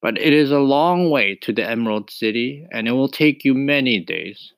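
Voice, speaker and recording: A man's voice: medium pitch, animated, normal speed, no echo, pitched above the performer's own voice, natural voice. A man voicing a grave, cautious male villager giving a warning.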